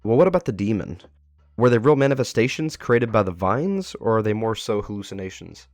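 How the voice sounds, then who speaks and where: A man with a lowish, slightly dark voice speaks briskly and with animation, his sound dry and studio-clean. He hosts a casual interview about a web horror series, asking questions in a curious, encouraging way while music plays behind him.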